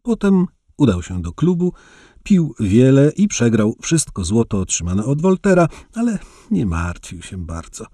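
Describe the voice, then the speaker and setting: A man narrating an audiobook story in an expressive storytelling manner. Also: medium pitch, a little slow, no room sound, clean studio sound.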